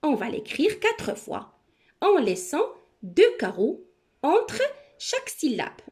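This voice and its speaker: Slow, lively-voiced woman teacher, echoey room. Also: sits high. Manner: slow, step-by-step instructions with frequent check-ins. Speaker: primary school teacher. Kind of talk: recorded handwriting lesson for children.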